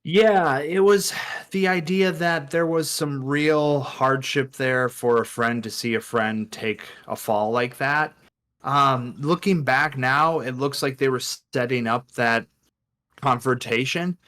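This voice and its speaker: A man of middling pitch co-hosts a casual podcast chat. He talks loosely and now and then slips into mock voices to quote people. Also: takes it slowly, fairly bright tone. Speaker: podcast co-host.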